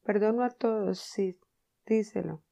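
A woman's voice: mid-range voice, measured pace, gravelly, mellow, voice pushed up. A woman voicing a young schoolboy who fakes being sick, whiny and plaintive. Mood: whimpering. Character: young schoolboy faking illness, melodramatic.

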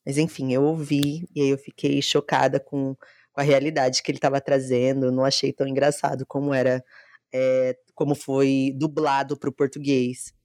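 Participante brasileira, voz média e seca, fala descontraída dirigida aos ouvintes. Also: female voice, rumbling low, flat delivery, normal speed, darkish tone, dry recording, studio quality. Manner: chatty, talks to the listeners directly. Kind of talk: casual chat in an online audio room.

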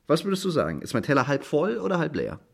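A man reading aloud who voices a frank, provocative young woman on a date, speaking higher and bluntly. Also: wildly swooping pitch, quick pace, gravelly, full character voice. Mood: teasing. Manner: blunt, teasing, raised voice.

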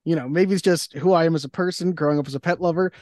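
A woman's voice: sits low, racing, no echo, studio quality. A young woman co-hosting a podcast in casual chat, laughing often and acting out her reactions. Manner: laughing, animated, acts out reactions in quoted voices. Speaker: podcast co-host.

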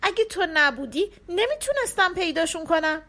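A woman's voice: extremely high pitch, sing-song, a bit bright, pitched above the performer's own voice, exaggerated voice. A woman doing a shaky-voiced toothless old crone. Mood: kindly. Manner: trembling voice. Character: bent, toothless old beggar woman, kindly.

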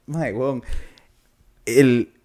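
A man's voice: mid-range voice, very slow. A young man with a Costa Rican accent, co-hosting a podcast and telling a long story in casual chat, acting out the voices he quotes. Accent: Costa Rican Spanish. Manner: animated anecdote-telling, acts out quoted voices, laughs often. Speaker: podcast co-host.

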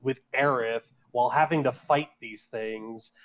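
A man's voice: mid-range voice, a little slow, fairly bright tone. Rambling man with a dull, lo-fi sound. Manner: rambling, many fillers and restarts. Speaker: podcast guest, author. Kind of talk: casual podcast chat.

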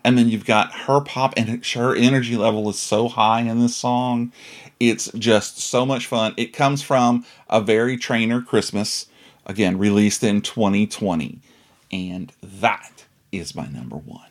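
A man's voice: lowish voice, unhurried. A man hosting a podcast in a casual, chatty style. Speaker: podcast host.

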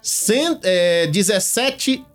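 Male co-host, Northeastern Brazilian accent, high-pitched, casual and agreeable radio banter over faint music. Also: expressive, drawn-out words. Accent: Northeastern Brazilian, Paraíba.

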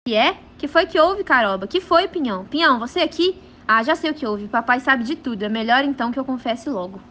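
A woman's voice: high-pitched, expressive, brisk, bright, forceful tone, full character voice. Woman playing a fretful young daughter. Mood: anxious. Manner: pleading, fretful. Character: pious young daughter, anxious. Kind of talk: stage play acting.

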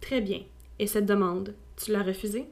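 A woman's voice: mid-range voice, steady tone, normal speed, gravelly, a little mellow, close to an everyday voice. A woman voicing a dry, detached older father in a storybook reading, placid and unbothered.

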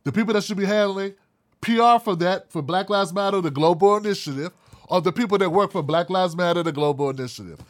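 A man with a fairly high-pitched voice delivers a blunt, heated opinion monologue. He rants in casual, profane talk and mocks others in quick put-on voices. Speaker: commentary show host.

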